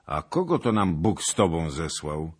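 A man's voice: rumbling low, very animated, moderate pace, breathy edge, pitched above the performer's own voice, full character voice. A man voicing a wary old noblewoman who speaks drily and guardedly. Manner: dry, guarded. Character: stern old noble widow, wary and proud.

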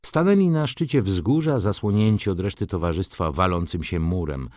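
A man giving an expressive scripted narration of a classic novel. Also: deep voice, moderate pace, no echo, studio quality. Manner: expressive literary reading. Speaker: audiobook narrator.

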